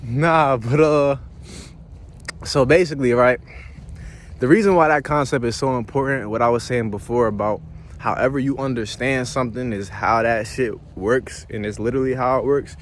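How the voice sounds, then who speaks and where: A man's voice: medium pitch, moderate pace, slight background noise. A man rambling and philosophizing in a casual, profane walk-and-talk vlog, out of breath from walking outdoors by a pond and filming himself on a phone. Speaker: vlogger.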